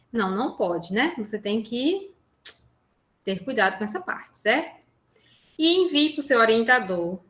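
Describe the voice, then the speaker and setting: Bright-voiced Brazilian woman teaching a workshop. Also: on the high side. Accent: Brazilian Portuguese. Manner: chatty, explanatory, with frequent tag questions. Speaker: workshop presenter. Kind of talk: online workshop lesson. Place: room at home. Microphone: lapel mic on a phone.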